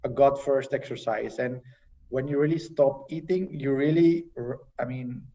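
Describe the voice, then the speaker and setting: A young man speaks as a panel guest in a relaxed, conversational way, often stopping with fillers and restarting. His voice sits at an ordinary pitch. The video-call audio is dull and sounds as if he is some way from the mic. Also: recorded from a distance. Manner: halting, many fillers and restarts. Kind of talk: casual conversational sharing.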